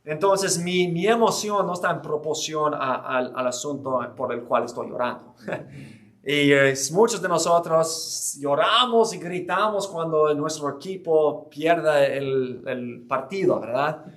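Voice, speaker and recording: A man's voice: fairly high pitch, measured pace, a bit bright. A man giving an earnest church history lecture, explaining with frequent restarts and hesitations.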